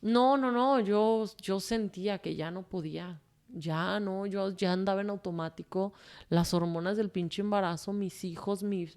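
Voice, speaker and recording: A woman's voice: medium pitch, steady tone, measured pace, a little mellow. A woman with a Mexican accent, a guest telling her personal story in a candid, emotional way, swearing freely and rambling with fillers. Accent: Mexican Spanish.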